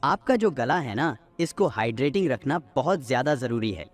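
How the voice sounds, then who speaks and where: A man's voice: mid-range voice, lively intonation, moderate pace, faint music behind. A young man hosting a self-help lesson, earnestly coaching listeners through numbered speaking tips. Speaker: voice coach host.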